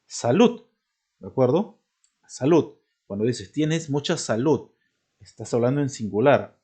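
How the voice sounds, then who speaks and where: A man's voice: medium pitch, animated, a little slow, warm tone, husky. A male teacher giving a recorded grammar lesson, explaining step by step and checking in with his students.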